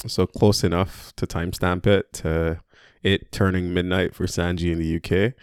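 A man chatting on a sports podcast in a loose, rambling way, with laughs slipping in. His voice sits low. The sound is dry and close to the mic. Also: flat delivery, normal speed, clear, resonant tone, dry recording. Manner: laid-back, rambling, laughs often. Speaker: podcast co-host. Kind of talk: casual podcast chat.

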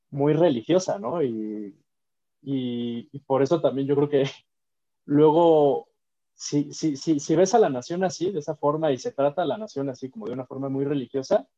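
A man talks through political ideas on a casual podcast, pausing often with fillers as he thinks. His voice is dark and mellow. The audio sounds a little dull and lo-fi. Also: mid-range voice. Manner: thoughtful, hesitant, many fillers. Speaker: podcast co-host.

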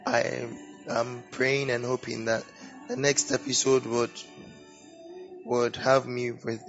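A man hosting an informal religious teaching podcast with a sore, swollen-throat voice, speaking haltingly and repeating words. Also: medium pitch, level tone. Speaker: podcast host. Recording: dull lo-fi audio, music behind. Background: background music.

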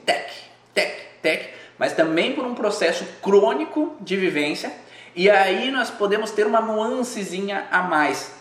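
Man, slightly higher voice, reflective live-stream host, repeats phrases, echoey room. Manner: reflective, repeats phrases, asks rhetorical questions. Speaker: host of a live video channel. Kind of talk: explanatory live-stream talk.

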